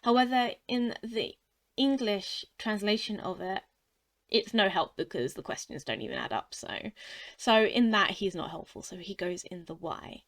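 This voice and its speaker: A woman's voice: mid-range voice, lively intonation, moderate pace, fairly bright tone. A young woman hosting a gaming channel, chatting casually and rambling through her opinions, often repeating words as she thinks aloud. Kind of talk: casual chatty tier-list commentary.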